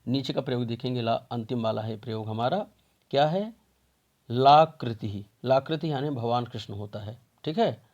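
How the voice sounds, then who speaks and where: A man's voice: mid-range voice, brisk, darkish tone. Patient man teaching grammar, dull audio. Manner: patient, repeats questions and answers them himself. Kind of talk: explaining a grammar lesson step by step.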